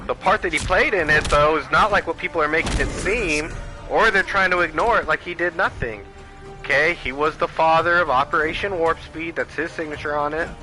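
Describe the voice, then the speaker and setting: A gaming streamer rants casually and profanely while playing, rambling and getting heated. His voice is on the high side and brisk, with music playing clearly behind it.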